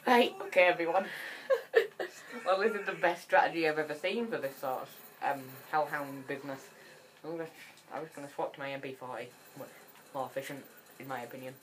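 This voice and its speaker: Female gamer, low register, chatty and excitable commentary. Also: a little fast, a little hiss or hum. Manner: chatty and excitable, rambling with frequent restarts. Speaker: gaming channel host. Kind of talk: casual gameplay commentary.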